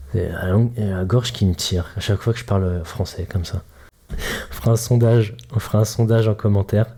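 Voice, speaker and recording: On his laid-back solo podcast, this mobility coach keeps things chatty and full of jokes, addressing the listener directly and leaning on everyday analogies. His voice is lowish and warm.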